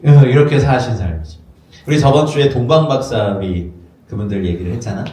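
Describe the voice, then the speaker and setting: A man preaching a sermon as a pastor, lively and acting out little dialogues in playful voices. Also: mid-range voice, a little fast. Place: church hall. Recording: echoey room from far off.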